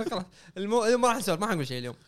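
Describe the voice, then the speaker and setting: A man, a podcast co-host, teasing his friends with quick questions. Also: sits high, very animated. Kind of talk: casual chat.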